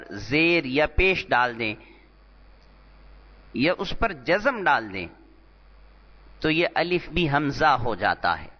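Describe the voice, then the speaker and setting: A man teaches Arabic terms in a slow, deliberate lecture and repeats each term for his students. His voice sits a little high. The recording is dull and lo-fi, and it has a long reverb like a large hall.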